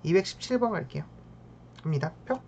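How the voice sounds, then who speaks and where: A woman's voice: lowish voice, expressive, brisk, gravelly, darkish tone. A woman math teacher working through problems, checking in with a tag question after each step and talking to the terms as if addressing them. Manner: mutters sighs of tedium while working. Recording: dull lo-fi sound with faint ambient noise.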